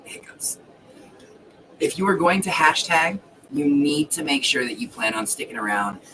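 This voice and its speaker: A man's voice: on the high side, expressive, normal speed. A man hosting a casual livestream who rambles and corrects himself as he goes, swearing now and then, while fighting the hiccups. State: has the hiccups. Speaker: livestream host. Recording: distant mic with faint background noise.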